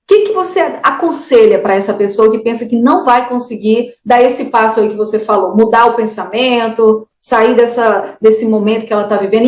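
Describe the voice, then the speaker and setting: A woman's voice: fairly high pitch, reverberant. A woman interviewer telling a personal story earnestly and often addressing the guest by name before asking questions. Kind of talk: conversational interview.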